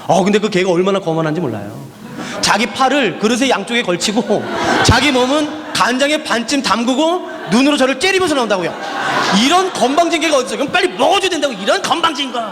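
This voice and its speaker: A man's voice: very high voice, fast talker, big-room sound, background noise. A male missionary preacher giving a sermon, telling stories with repeated refrains and questions put to the congregation. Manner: animated storytelling with repeated refrains and rhetorical questions. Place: church hall.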